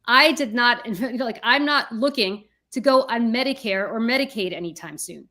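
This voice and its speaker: Relaxed woman hosting a chat. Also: fairly high pitch, moderate pace. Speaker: podcast host. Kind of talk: casual political chat.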